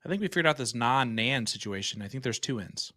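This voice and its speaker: A man's voice: mid-range voice, animated, fast, pushed and bright, no room sound, studio quality. A man giving live darts commentary with joking banter.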